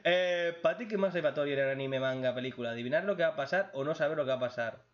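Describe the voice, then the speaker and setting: A man's voice: a little high, rapid-fire. Blunt Spanish-man in lo-fi chat. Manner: blunt, crude, joking, reads questions aloud then answers. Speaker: YouTube host answering viewer questions. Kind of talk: casual Q&A chat.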